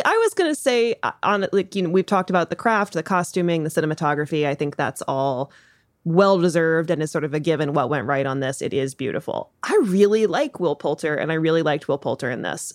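A woman's voice: sits low, lively intonation, a little fast, no room sound, clean studio sound. A woman co-hosting a casual film-review podcast, talking in a wry, jokey, irreverent way. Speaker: podcast co-host.

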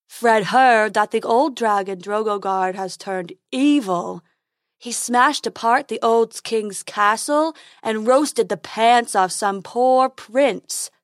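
Fred, a woman doing a slow, silly male unicorn. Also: fairly high pitch, no room sound, studio quality. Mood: gossipy. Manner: slow, dopey, speaks of himself in third person.

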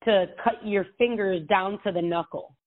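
A woman state legislator answers interview questions earnestly over a phone call, rambling and restarting often. Her voice is mid-range and moderately paced, and the line sounds tinny.

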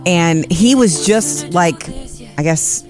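A woman's voice: on the low side, slow pace, over music. A woman co-hosting a radio show in casual, chatty banter.

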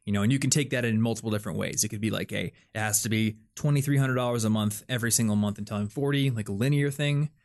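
A man's voice: fairly low pitch, quick pace, hardly any pauses. A young man hosting a podcast, talking casually and thinking aloud with lots of fillers and restarts. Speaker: podcast host. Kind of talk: casual chat.

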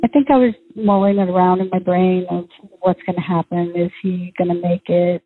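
A woman's voice: fairly low pitch, steady tone, moderate pace, no echo. A middle-aged or older woman recalling personal events conversationally, as an interviewee. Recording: muffled lo-fi interview audio.

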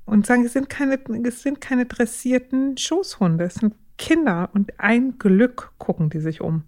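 Woman giving lively parenting advice. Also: a little high, unhurried. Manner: warm, animated, acts out little scenes with parents and children. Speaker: parenting expert guest. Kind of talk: casual podcast advice talk.

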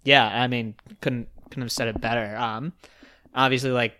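A man's voice: mid-range voice, steady tone, moderate pace, pushed and bright, slight background noise. A man in his twenties from Virginia, co-hosting a sports podcast in casual, rambling chat full of fillers. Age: 20s. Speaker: podcast co-host.

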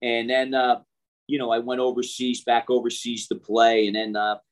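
Older man, coach as interview guest, casual storytelling, halting conversational delivery, middle pitch, speaking outdoors. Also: completely flat delivery. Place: outdoors, near passing traffic.

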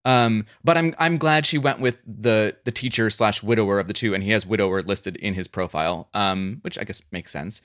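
A middle-aged man co-hosting a podcast, talking in an animated, chatty way with lots of fillers. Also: fairly low pitch, normal speed, few pauses, no room sound, studio quality. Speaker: podcast co-host. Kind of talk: casual chat.

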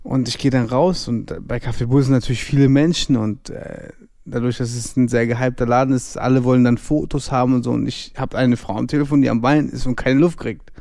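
A man's voice: medium pitch, fairly quick, creaky, no room sound, clean studio sound. Young man telling a slangy story. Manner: slangy, lively storyteller acting out dialogue. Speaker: podcast co-host. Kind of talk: casual storytelling chat.

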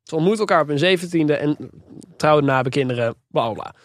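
A man's voice: fairly high pitch, quick pace, no echo, clean studio sound. A young Dutch man in his twenties co-hosting a casual student podcast, chatty and laughing often. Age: 20s. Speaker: podcast co-host. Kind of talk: casual chat.

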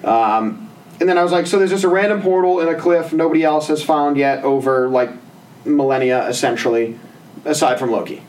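A man's voice: fairly high pitch, brisk, a little mellow, distant mic, low-quality recording. A man co-hosting a casual movie-review podcast, sarcastic and swearing, mimicking characters' lines. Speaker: podcast co-host.

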